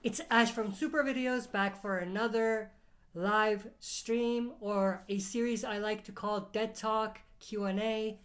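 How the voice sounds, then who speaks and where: A woman hosts a casual live Q&A stream, reading viewer questions aloud and answering them. Her medium-pitched, slightly bright voice keeps a fairly even intonation and measured pace, though it sounds a little off because she has a cold.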